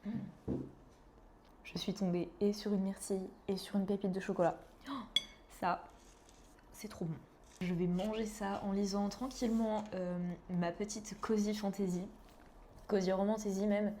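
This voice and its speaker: Casting: young female lifestyle vlogger, dark mellow tone at an average pitch, informal and keen, casual chat with some background noise. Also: level tone, moderate pace. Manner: informal, enthusiastic, slangy. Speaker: book and food vlogger. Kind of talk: casual chatty vlog to viewers.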